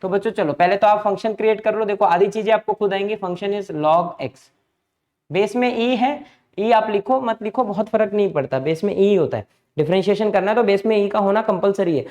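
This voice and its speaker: A man, teaching maths in a brisk lecture and coaxing students through each step. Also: high-pitched, a little mellow, highs cut off. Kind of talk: lecture mixing Hindi and English.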